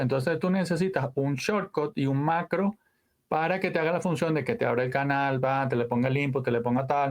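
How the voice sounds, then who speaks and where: A man talks as a guest in a relaxed interview. His voice sits a little high and has a gravelly edge. He tells stories with energy, full of sound words and trailing asides. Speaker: guest, audio engineer. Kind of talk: casual interview chat.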